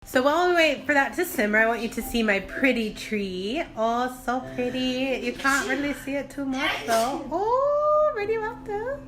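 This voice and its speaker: A woman's voice: high voice, moderate pace, few pauses. A woman giving a casual, loose cooking demonstration, thinking aloud and wandering off on playful asides. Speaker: home cook hosting a cooking video. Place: home kitchen, recorded on a phone. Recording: noisy kitchen, clattering dishes and pans.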